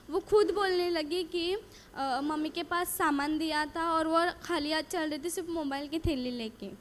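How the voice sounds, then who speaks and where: High-voiced woman. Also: slight background noise. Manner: earnest storytelling, repeating phrases and quoting dialogue. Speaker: retreat speaker giving testimony. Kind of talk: personal faith testimony.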